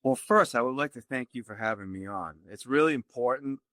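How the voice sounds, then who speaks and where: A man with a Boston accent, a tai chi teacher speaking earnestly as a podcast guest and spelling out details slowly. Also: medium pitch, lively intonation, a bit bright, no echo.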